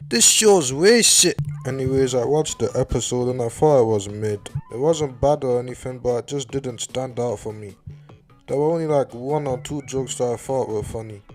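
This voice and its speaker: A man's voice: medium pitch, moderate pace, dark tone, soft background music. Sarcastic young man doing cartoon commentary. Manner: sarcastic, swears often. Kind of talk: casual scripted commentary.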